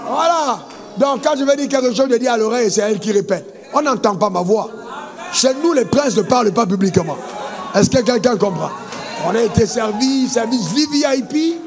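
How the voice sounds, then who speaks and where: A man's voice: very high voice, expressive, moderate pace, long reverb tail, over music. A male pastor preaching a sermon, calling on the congregation to answer amen. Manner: preaching with call-and-response amen prompts.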